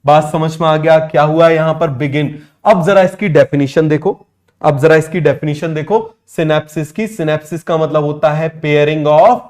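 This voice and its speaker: A man teaching biology in a fast exam-prep lecture, firing quick questions at students and repeating key terms slowly, mixing with terms. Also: a little high, fairly even intonation, darkish tone. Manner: rapid, drilling questions, repeats answers slowly.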